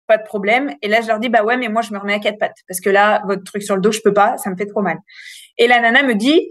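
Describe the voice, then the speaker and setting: A woman in her thirties frankly telling a long personal story in a casual, animated way, with many fillers. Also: medium pitch, quick pace, dry recording, clean studio sound. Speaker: interview guest.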